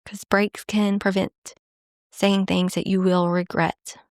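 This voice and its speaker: Woman with a gravelly voice giving casual advice. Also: mid-range voice, slow pace, no room sound, studio quality. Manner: relaxed, conversational, acts out example lines. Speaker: podcast host.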